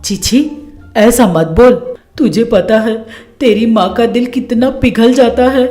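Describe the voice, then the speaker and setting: A woman voicing a scheming, bossy middle-aged mother-in-law who scolds and coaxes loudly in a storybook tale. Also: fairly high pitch, close to an everyday voice. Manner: scolding, coaxing, loud.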